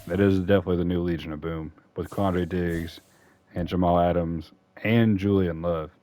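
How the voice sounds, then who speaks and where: A man narrates a football franchise game on YouTube in a casual, chatty ramble, correcting himself along the way. His deep, dark voice keeps fairly even intonation at a moderate pace, recorded without any room sound.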